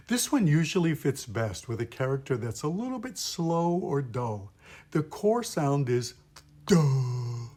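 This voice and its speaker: A man, a pastor, patiently teaching puppet voices step by step in an instructional video. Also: fairly high pitch.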